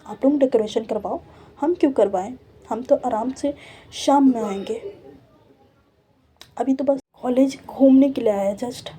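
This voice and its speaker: A cheeky young college girl with a mocking, defiant way of talking, as a woman storyteller puts her on. The voice sits a touch high but stays dark and mellow in tone. It is delivered in a spoken storybook style. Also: steady tone, measured pace, close to an everyday voice. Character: sassy teasing young college girl, junior.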